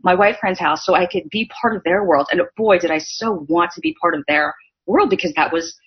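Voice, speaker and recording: Low-voiced middle-aged woman, chatty guest. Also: brisk. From Northern California, US. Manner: chatty storytelling with frequent fillers. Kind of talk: casual interview conversation. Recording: dull lo-fi audio.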